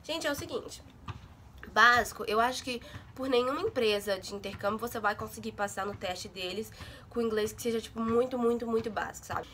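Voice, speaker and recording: With slight background noise behind her, a young vlogger from Brazil talks to the camera in a fairly high, bright, pushed voice that runs a little fast. She's chatty, often tossing in "sabe?" and "gente" to check in with her viewers.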